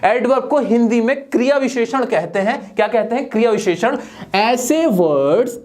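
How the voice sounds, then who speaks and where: High-voiced male teacher, self-questioning. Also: a little mellow. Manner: asks himself questions and answers them; stretches out English example sentences slowly. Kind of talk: classroom grammar lesson.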